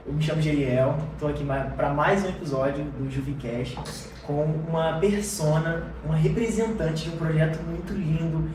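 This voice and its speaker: A man hosts a casual podcast chat, enthusiastic and slightly stumbling. His voice sits a bit high for a man. He sounds distant from the mic in a strongly echoing room with faint background noise. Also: a little mellow. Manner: enthusiastic, slow-paced, stumbling. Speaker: podcast host.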